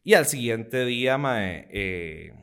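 A man's voice: mid-range voice, slow, clear, resonant tone. A young Costa Rican man, a comedian, telling personal stories animatedly in an interview, acting out quotes and laughing often. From Costa Rica. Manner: lively, acts out quotes with voices, laughs a lot. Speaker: guest comedian.

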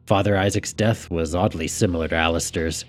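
A man's voice: sits low, steady tone, fairly quick, faint music behind. A man voicing a practical former butcher who talks plainly and levelly.

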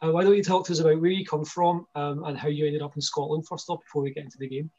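A man's voice: on the high side, little pitch movement, fast talker, darkish tone, highs cut off. A man hosting an interview, asking casual questions with a few fillers. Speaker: podcast host, interviewer.

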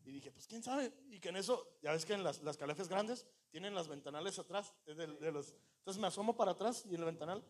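Young man, Mexican accent, high voice, slangy animated storytelling, acts out quotes. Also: fast talker. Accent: Mexican Spanish. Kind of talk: casual storytelling among friends.

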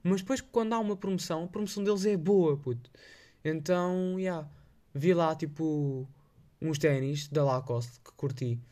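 Casting: young adult male, Lisbon accent, slightly high voice, slangy solo podcaster with a hesitant, meandering delivery. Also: normal speed, warm tone. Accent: Lisbon Portuguese. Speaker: podcast host. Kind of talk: casual solo chat, telling anecdotes.

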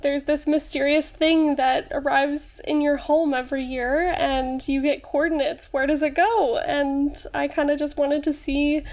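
A woman's voice: high voice, flat delivery, measured pace, hardly any pauses, a little mellow. A woman co-hosting a storytelling podcast, giggly and enthusiastic, talking casually with fillers. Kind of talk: casual chat.

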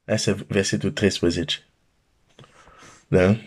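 A man from Romania preaching a sermon, reading Bible verses aloud and then commenting on them with animated emphasis. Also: deep voice, husky.

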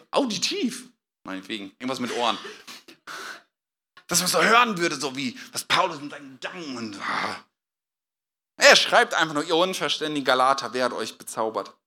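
A man preaching a sermon as pastor, animated and dramatic, acting out quotes with sudden loud outbursts. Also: high-pitched.

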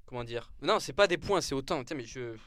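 Young man, sports columnist, relaxed radio banter, halting delivery with fillers and restarts, self-mocking, voice sitting mid-range for a man. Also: mid-range voice, dry recording. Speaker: sports columnist on a club show. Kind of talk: casual live radio chat.

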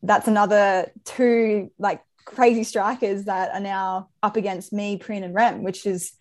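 This Brisbane soccer player in her twenties, with a Queensland Australian accent, talks casually in an interview. Her mid-range voice has fairly even intonation and a measured pace.

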